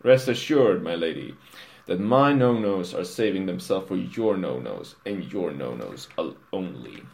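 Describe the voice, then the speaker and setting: A man's voice: sits low, lively intonation, unhurried, vocal fry, heavily acted. A man voicing a smug, vain male pony millionaire in a comic storybook reading, boastful and teasing.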